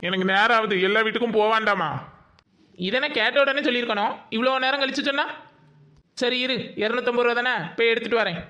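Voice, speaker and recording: A man with a Tirunelveli Tamil accent acting in a village comedy skit, talking in brisk, mocking banter. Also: very high voice, sharp tone.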